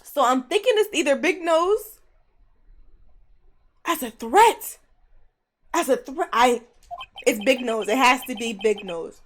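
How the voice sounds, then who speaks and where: A young woman streaming a game live, chatting in an animated, slangy, blunt way at her streaming microphone. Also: high voice, slow pace, pauses often. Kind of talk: casual live gameplay commentary.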